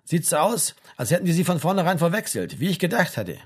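A man voicing a gruff, joking army sergeant major who talks down to a soldier, read as an audiobook. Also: fairly high pitch, very animated, fast, voice pushed up. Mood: bossy. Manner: brusque, teasing, talks down. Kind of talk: audiobook reading.

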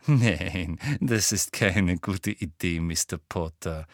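A man voicing a sugary, menacing middle-aged woman official in an audiobook, sweetly condescending and slow. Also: high-pitched, expressive, no echo, clean studio sound, voice pushed up. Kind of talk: audiobook character voice.

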